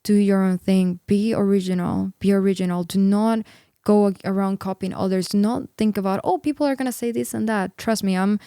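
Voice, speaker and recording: She's a twenty-something singer and worship leader from Peru, guesting in a relaxed interview and talking brightly and sincerely, full of "like"s and "you know"s. Her medium-pitched voice is smooth and clear, steady in tone, and brisk. Clean studio audio, no echo.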